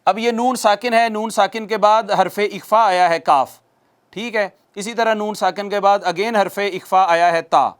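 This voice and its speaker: In a high, clean-toned voice, a man teaches the rules of Quran recitation in a recorded lesson. He asks questions and answers them himself, repeats key points, and demonstrates nasal sounds aloud.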